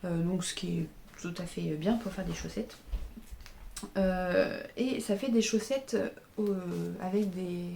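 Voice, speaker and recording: A woman's voice: mid-range voice, vocal fry, mellow, a little hiss or hum. Woman, knitting podcast host, casual chat, hesitant, lots of fillers, self-corrects, indoors by a window. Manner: shows yarn and socks to the camera.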